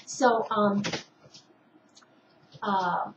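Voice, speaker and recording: A woman's voice: medium pitch, fairly even intonation, drawn-out words, slight background noise. A middle-aged woman from Indiana hosts an online show and wanders through personal stories, restarting and circling back often. She sits well back from the mic in an echoey room, and the sound is dull and muffled. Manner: rambling, many restarts and asides. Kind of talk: casual personal storytelling. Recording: distant, roomy, dull home recording.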